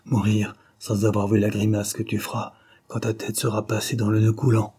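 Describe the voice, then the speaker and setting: A man's voice: on the low side, monotone, moderate pace, mellow, breathy edge. A man reading the part of a dying, vengeful villain who sneers and threatens, in an audiobook. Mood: gloating. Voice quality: sneering, menacing.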